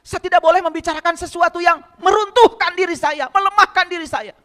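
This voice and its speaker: Brisk and sharp, a very high-pitched man with a light tinge delivers a sermon as a spiritual teacher, hammering the congregation with rhetorical questions. The sound carries a long hall reverb.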